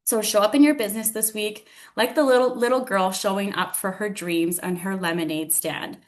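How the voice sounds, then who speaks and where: A woman's voice: medium pitch, steady tone, normal speed. A woman finishing a motivational team training on a video call, encouraging and loose with her words.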